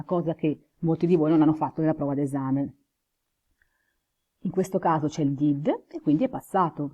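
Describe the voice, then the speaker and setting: A woman with an Italian accent runs an English lesson on video. Her voice is low, dark and husky, and she says the English phrases slowly before explaining them. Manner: switches between English phrases and Italian explanation, slow careful English. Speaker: English teacher.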